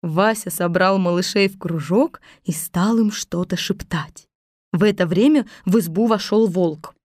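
A woman narrating a fairy tale with expressive storytelling. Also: mid-range voice, measured pace, no room sound, clean studio sound.

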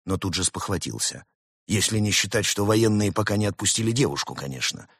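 A man's voice: on the low side, animated, a little fast, fairly bright tone, husky, no room sound, studio quality. A man reading a children's storybook aloud, narrating expressively and voicing the characters.

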